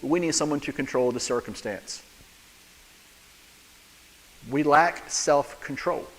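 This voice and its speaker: A man's voice: on the high side, slow pace, fairly bright tone. A man, a church elder, preaching a sermon in a conversational way, full of rhetorical questions and humor, in a church sanctuary. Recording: long church reverb.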